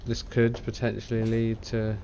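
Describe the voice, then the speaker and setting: Male gamer, low voice, drowsy and slack, rambling casual commentary over noticeable background noise. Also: monotone, moderate pace, warm tone, highs cut off. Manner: sleepy, dopey, slack delivery. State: sleepy after work. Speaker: gaming video creator. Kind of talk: casual rambling gameplay commentary, thinking aloud. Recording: clearly noisy background.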